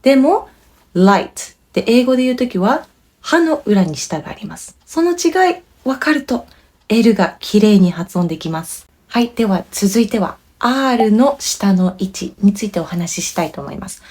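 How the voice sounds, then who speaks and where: A woman with a Japanese accent giving a bilingual pronunciation lesson, explaining clearly and patiently and demonstrating words. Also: medium pitch, sing-song, normal speed, a little mellow. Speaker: language teacher.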